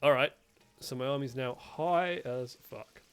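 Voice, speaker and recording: A man's voice: medium pitch, a little slow, fairly bright tone, clean tone. Playful man commenting on a game. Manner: playful, sarcastic, chatty, laughs often. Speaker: gaming streamer. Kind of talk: let's-play commentary. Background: faint game music.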